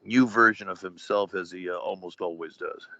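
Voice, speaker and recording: A retired wrestler in his forties, a podcast guest, chats casually and rambles with lots of fillers and wrestling slang. His low-pitched voice has a sharp tone at normal speed. The podcast audio is dull, lo-fi and dry.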